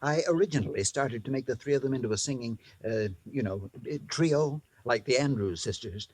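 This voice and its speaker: A man's voice: mid-range voice, a little fast, darkish tone, close to an everyday voice. An actor playing a pompous, shady animal-act showman in a 1950s radio drama, with grandiose, florid, emphatic delivery. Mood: proud.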